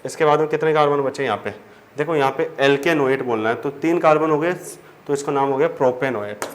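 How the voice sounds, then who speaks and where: A man's voice: fairly high pitch, brisk. A man, teaching chemistry at a board, explaining step by step and answering his own questions. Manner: addresses students as children. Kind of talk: whiteboard lesson. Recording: faint background noise.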